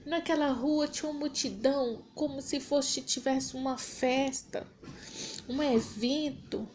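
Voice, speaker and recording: A woman's voice: sits high, fairly even intonation, unhurried, darkish tone, a little hiss or hum. A woman giving a fervent, repetitive religious testimony, breaking into prayer as she tells it. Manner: fervent, repetitive, prays aloud mid-story. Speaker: church member giving testimony.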